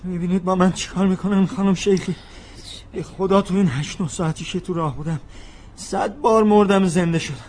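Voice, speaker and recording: An actor playing a middle-aged uncle, worn out from searching and agitated, complaining loudly about the runaway children. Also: male voice, high-pitched, fairly even intonation, a little hiss or hum, natural voice. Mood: distraught. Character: anxious exasperated uncle, weary from travel.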